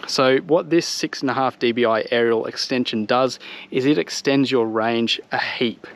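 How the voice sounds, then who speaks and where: Standing by a vehicle on a home driveway, a thirty-something Australian vlogger gives his viewers an informal, explanatory review of vehicle gear. He speaks at normal speed in a medium-pitched voice.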